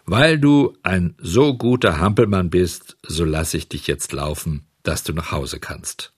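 A man voicing a gruff but approving farmer in a storybook reading. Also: deep voice, a little slow.

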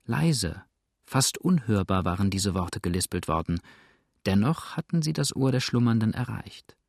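A man narrating a novel in a measured audiobook reading. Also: on the low side, animated, creaky, darkish tone, no room sound, studio quality.

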